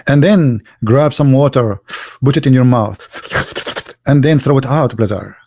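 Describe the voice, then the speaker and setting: The host of a religious debate show, a middle-aged man, speaks at a measured pace in a mellow, mid-range voice. Live on his podcast, he's sarcastic and mocking, using heavily accented English with broken grammar.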